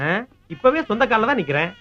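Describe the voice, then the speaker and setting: An actor playing a whiny, scheming young nephew in a film comedy, complaining in quick comic patter. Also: male voice, high voice, big pitch swings, muffled recording.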